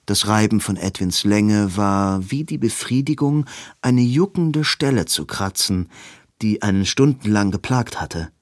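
A man reading a novel aloud as an audiobook narrator, in a slow, even reading. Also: lowish voice, dry recording, clean studio sound. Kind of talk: scripted narration.

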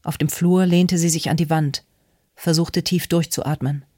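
An audiobook narrator reading a novel in an even, measured way. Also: mid-range voice, no room sound, clean studio sound. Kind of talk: scripted narration.

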